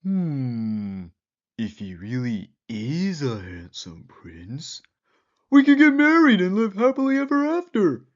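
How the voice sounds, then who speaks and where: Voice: medium pitch, wildly swooping pitch, slow, dull audio, pitched above the performer's own voice. A performer voicing a cute, dreamy and dramatic sixteen-year-old girl in a storybook tale. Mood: dreamy, eager.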